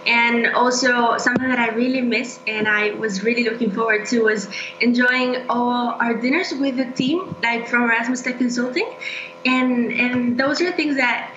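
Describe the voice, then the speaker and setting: A young woman, a student guest on a webcam video call from a room at home, gives casual interview answers, chatty and quick to laugh. Her voice is on the high side and a bit bright, with fairly even intonation and a moderate pace. The laptop mic recording is echoey and lo-fi, with some hum.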